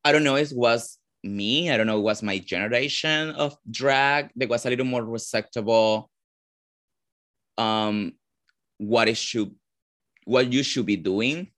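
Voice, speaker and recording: A man from Venezuela with a Venezuelan Spanish accent, a drag performer answering interview questions casually, often pausing to search for words. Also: medium pitch, fairly bright tone. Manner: searching for words, frequent "like" fillers.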